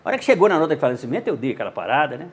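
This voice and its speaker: The guest, an older journalist and radio narrator from Montes Claros in Minas Gerais, Brazil, spins animated anecdotes in a casual storytelling interview, with a Minas Gerais Brazilian Portuguese accent. He speaks rapid-fire in a husky, fairly high-pitched voice, acting out dialogue in voices.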